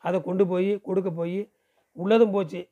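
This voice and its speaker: A man's voice: sits high, steady tone, fairly quick, warm tone, highs cut off. A man voicing a blunt, scolding village elder in a storybook reading. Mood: scornful.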